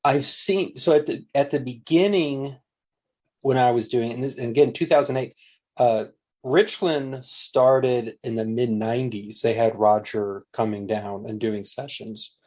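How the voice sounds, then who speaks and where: A man's voice: medium pitch, a little slow, darkish tone. A middle-aged man, a linguistics professor, answering interview questions in a thoughtful, conversational way with frequent fillers and restarts.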